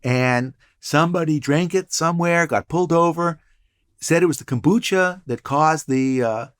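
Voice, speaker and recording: A man's voice: a little high, moderate pace, fairly bright tone, smooth. An older man, a guest entrepreneur and professor, telling stories in a casual interview with dry, punning humor. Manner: storytelling, wry and punning.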